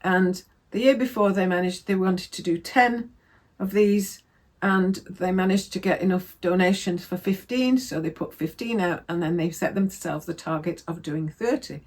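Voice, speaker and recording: A woman's voice: fairly low pitch, normal speed, a little mellow. A woman chatting casually about her sewing projects, rambling and correcting herself as she goes. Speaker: sewing vlogger. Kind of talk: casual crafting chat.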